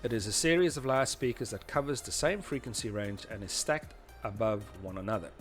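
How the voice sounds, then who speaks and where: Soft music plays behind a man with a medium, slightly bright voice who talks fairly quickly through a tutorial-series lesson. He goes step by step over slides and diagrams, informal and a bit hesitant, often dropping "you know."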